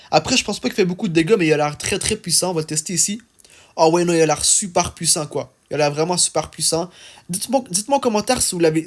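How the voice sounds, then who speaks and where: A young man with an accent giving casual, chatty gameplay commentary, full of fillers and checking in with "d'accord?". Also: sits high. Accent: non-standard French accent. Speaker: gaming YouTuber.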